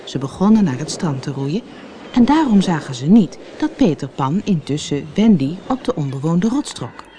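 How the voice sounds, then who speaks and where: Dutch storyteller reading a kids fairy tale, super animated up-and-down voice, faint hiss in the background. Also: mid-range voice, normal speed. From Netherlands. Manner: expressive, lively storytelling. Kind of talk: audiobook fairy tale narration.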